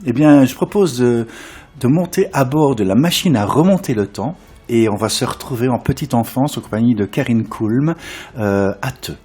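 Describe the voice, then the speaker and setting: Radio host, male. Mellow, husky timbre, halting conversational questions. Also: medium pitch, animated. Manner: hesitant, drawn-out questions, echoes answers.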